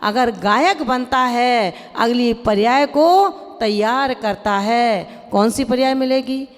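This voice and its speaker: A woman preaches a slow, deliberate sermon in a fairly high voice, pausing to chant scripture verses. She questions and chides her listeners directly. Her voice rings with the long reverb of a large hall. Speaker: Jain nun preacher.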